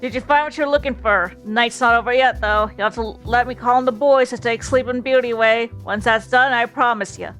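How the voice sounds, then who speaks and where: Woman playing gruff 1930s Brooklyn detective, hard-boiled, streetwise drawl, pitched up a bit for a guy. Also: fairly even intonation, a little fast, few pauses, a bit bright, soft background music, close to an everyday voice. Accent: put-on Brooklyn.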